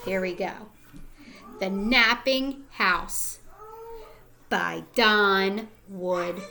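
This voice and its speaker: A woman teacher with a gravelly, medium-pitched voice shares a picture book with young children. She reads with deliberate expression and prompts the kids with questions.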